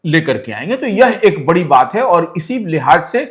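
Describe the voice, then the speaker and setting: A man's voice: fairly high pitch, big pitch swings, moderate pace. A man analysing politics on a news discussion, explaining at length and emphatically. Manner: explanatory, emphatic, asks listener to decode.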